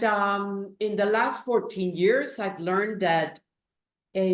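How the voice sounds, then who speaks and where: Slow-speaking Peruvian-born woman, echoey room. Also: medium pitch. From Peru. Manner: slow, thoughtful, emphatic. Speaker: guest, business executive. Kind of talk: interview.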